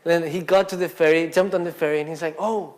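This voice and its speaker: A man's voice: fairly high pitch, fairly even intonation, fast talker, darkish tone. Easygoing man telling a dharma story. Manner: casual and conversational, filler-heavy, acts out quotes. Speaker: speaker at a Buddhist centre. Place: indoor Buddhist centre talk.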